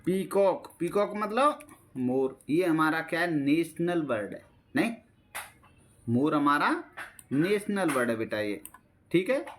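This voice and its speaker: A man's voice: on the high side, lively intonation, slow pace, long pauses. A man teaching a children's English lesson with an Indian accent, patiently repeating each phrase in Hindi. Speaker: primary school English teacher. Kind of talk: bilingual classroom-style lesson explaining a textbook.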